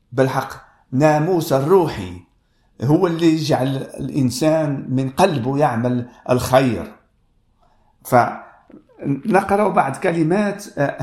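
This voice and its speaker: A man with a Moroccan Arabic accent giving a radio sermon and reading scripture slowly, with hesitant restarts. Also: medium pitch, roomy sound. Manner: slow, measured reading with frequent hesitant restarts. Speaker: radio preacher.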